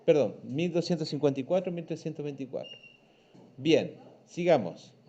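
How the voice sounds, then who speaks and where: A man's voice: on the high side, animated, moderate pace, dark tone, dull audio. A Chilean man teaching a primary school class online, patient, checking in often with his pupils. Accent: Chilean Spanish. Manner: patient, checks in with frequent "¿ya?" and "¿cierto?".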